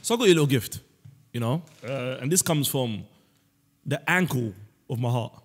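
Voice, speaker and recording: A man hosting a casual comedic podcast chat, teasing his guest and telling animated stories. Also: mid-range voice, normal speed, loud music behind the voice. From Senegal. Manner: playful, teasing, animated storytelling. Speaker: podcast host. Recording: roomy long reverb.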